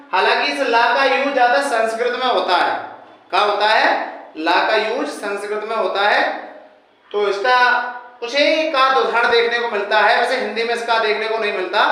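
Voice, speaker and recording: A man's voice: extremely high pitch, pushed and bright. A man teaching a grammar lesson, explaining step by step, repeating words and asking questions as he goes. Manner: fixes his own writing mistakes aloud. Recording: very echoey room.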